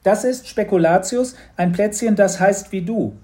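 A man's voice: sits high, moderate pace, a little mellow, voice pushed up, natural voice. A man voicing a bold, cheeky young girl who talks eagerly and insistently in a children's audiobook. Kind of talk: audiobook reading.

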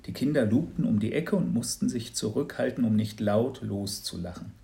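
A man reading a children's Christmas story aloud in an expressive, playful way. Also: mid-range voice, normal speed, gravelly.

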